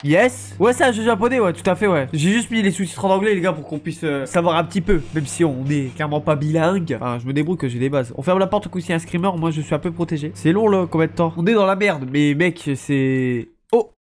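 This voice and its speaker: A man's voice: a little high, fast talker, few pauses. A man with a congested, nasal voice from a cold, chatting casually to his stream audience while playing a horror game. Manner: chatty, addresses chat as "les gars". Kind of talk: casual gaming commentary.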